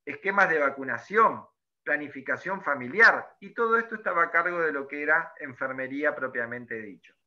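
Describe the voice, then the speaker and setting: A man's voice: a little high, lively intonation, a little fast, bright, forceful tone. A man teaching a recorded class, explaining step by step and often checking in with his students. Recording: dull lo-fi recording.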